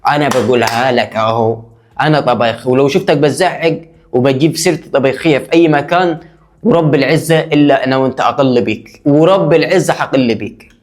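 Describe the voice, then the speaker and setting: A man's voice: on the high side, fairly quick, a little mellow. A man with an Egyptian Arabic accent giving mock-indignant comedic commentary in a sarcastic tone.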